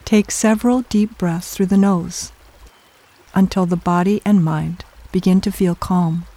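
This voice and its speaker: Meditation guide, mid-pitched and mellow. Soft, soothing scripted delivery, slow and measured with generous pauses. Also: steady tone.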